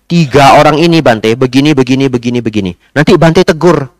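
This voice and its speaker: A man's voice: mid-range voice, brisk, no room sound, studio quality, natural voice. Man mimicking a pushy young tattletale. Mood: urgent. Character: young man, pushy, telling tales on others.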